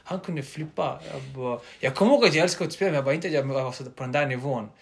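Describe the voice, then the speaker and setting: A young man, co-hosting a casual podcast chat and rambling loosely through his stories. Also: mid-range voice. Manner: rambling, loose, drops into quoted asides. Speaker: podcast co-host.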